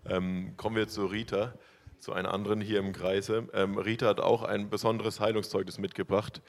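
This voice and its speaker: A man moderating a church testimony gathering, introducing speakers calmly. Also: fairly low pitch, fairly quick, creaky.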